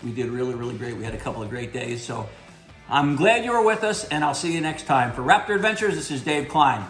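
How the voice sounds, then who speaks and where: A man's voice: medium pitch, animated, quick pace, a bit bright, roomy sound, faint music behind. A middle-aged man hosting a casual vlog, tasting a meal he cooked, with a folksy, enthusiastic manner. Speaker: host.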